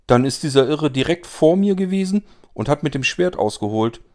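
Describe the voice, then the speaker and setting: A man voicing a frightened, excitable young woman. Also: on the high side, moderate pace, pitched above the performer's own voice, lightly acted. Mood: agitated.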